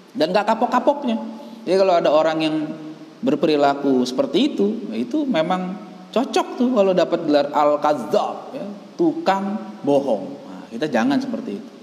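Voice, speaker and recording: Indonesian guy teaching religious lessons, pretty high voice that swings up and down a lot, big echoey hall. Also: darkish tone. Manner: explains Arabic text line by line, tells stories with acted quotes. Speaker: Islamic teacher. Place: mosque or pesantren hall.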